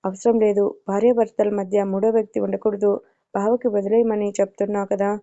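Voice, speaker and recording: A woman voicing a calm, mature young sister who speaks matter-of-factly. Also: mid-range voice, brisk, close to an everyday voice. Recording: dull lo-fi recording.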